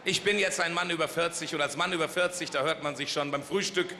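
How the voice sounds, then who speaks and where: A man's voice: fairly high pitch, fairly even intonation, fast, bright, forceful tone. A man telling jokes as a carnival comedian in a large hall, in a punchy storytelling delivery. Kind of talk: comic carnival speech. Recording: long hall reverb, faint crowd noise.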